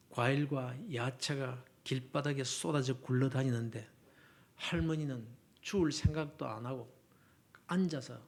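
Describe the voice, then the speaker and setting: A male pastor delivers a revival sermon with fervent intensity, his voice sitting high for a man and carrying a gravelly rasp. He surges to loud declarations, then drops to a hushed near-whisper to draw the listener in. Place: church sanctuary.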